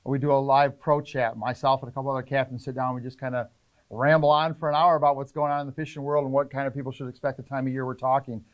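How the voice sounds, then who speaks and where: A middle-aged man, a fishing charter captain, explaining trip planning in casual, energetic interview talk in an indoor tackle shop. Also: medium pitch, muffled recording. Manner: energetic, gestures a lot, lists points rapidly.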